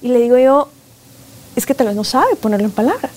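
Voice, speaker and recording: A woman, speaking as a guest expert in a conversational interview, animated and often acting out parents and children. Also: on the high side, brisk. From Guatemala. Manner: animated, acts out parents and children in quoted voices. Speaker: positive discipline expert guest.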